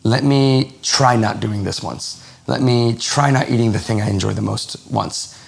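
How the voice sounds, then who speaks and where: A man from the United States, a lifestyle coach on a podcast, telling his story in a casual, animated way and acting out quoted dialogue. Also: medium pitch, moderate pace, vocal fry.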